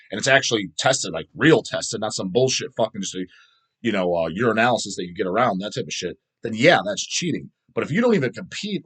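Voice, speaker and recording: A lowish, slightly rough voice with a bit of brightness belongs to a man who hosts a casual show about underground death metal. He answers viewer comments in a rambling opinion vlog, speaking bluntly and profanely and repeating words for emphasis.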